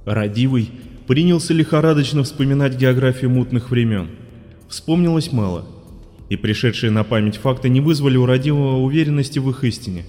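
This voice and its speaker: Guy reading a funny story, mid pitch, reverby with soft music under. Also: a little fast. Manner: lively, shifts pitch for quoted characters. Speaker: narrator. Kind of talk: audiobook reading, voicing characters. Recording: long reverb, faint music behind.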